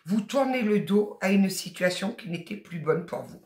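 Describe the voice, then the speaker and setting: The tarot reading comes from someone with a Southern French accent whose middle-pitched voice is expressive and a little mellow, at a normal speed. The guidance is emphatic, chatty, encouraging, and sometimes blunt, echoing in the room.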